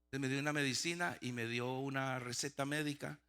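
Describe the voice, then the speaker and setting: A man's voice: mid-range voice, steady tone, a little fast, sharp tone, clear, resonant tone. A middle-aged male pastor telling a personal testimony in a sermon, acting out the dialogue with frequent restarts. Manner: storytelling, acts out dialogue, many restarts.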